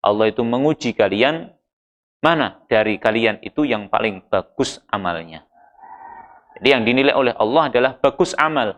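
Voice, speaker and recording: A man giving a Ramadan sermon, reciting Arabic verses and explaining them in a measured preaching manner, lifting his voice for emphasis. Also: medium pitch, expressive, a bit bright. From Indonesia. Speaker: Islamic preacher.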